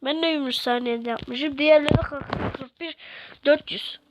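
Very high-voiced excitable woman gamer. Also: moderate pace. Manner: excitable, grumbling at the game. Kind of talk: game commentary. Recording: dull lo-fi with loud noise.

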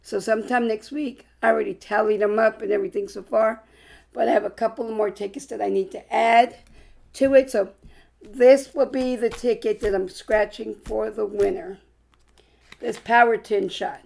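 A woman hosting a casual vlog about scratching lottery tickets, sounding hoarse and a little congested while chatting in an upbeat way with bursts of excitement. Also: a little high, normal speed.

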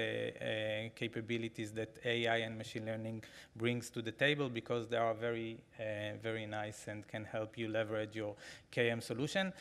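A man in his forties speaking at a podium microphone in a big conference hall. He talks conversationally and with energy, with many fillers and restarts. His voice sits in a middle register. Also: medium pitch. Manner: conversational, animated, frequent fillers, gestures while talking. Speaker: keynote speaker. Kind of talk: conference keynote.

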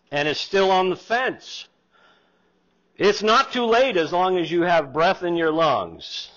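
A man's voice: fairly high pitch, a bit bright. A middle-aged man preaching a sermon as pastor in a church sanctuary, reading scripture aloud with rising emphasis. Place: church sanctuary, in front of a wooden pulpit. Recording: slightly dull, lo-fi church recording.

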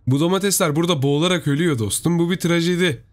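A man's voice: a little high, very fast, pitched above the performer's own voice, lightly acted. A man voicing his joking, easygoing best friend who teases lightly. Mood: teasing. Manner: playful teasing.

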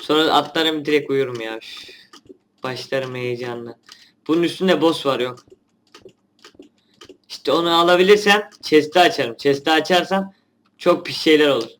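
A man's voice: a little high, moderate pace, long pauses, a bit bright. Young man grumbling through gameplay. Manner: chatty, grumbling at the game, swears offhandedly. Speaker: gaming channel host. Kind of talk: casual gameplay commentary.

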